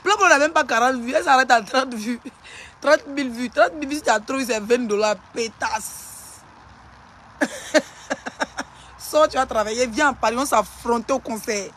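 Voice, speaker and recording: Taunting high-voiced Ivorian rant. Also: a bit bright, a little hiss or hum. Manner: taunting, insulting, rapid-fire. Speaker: social media personality. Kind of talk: live-stream clash rant.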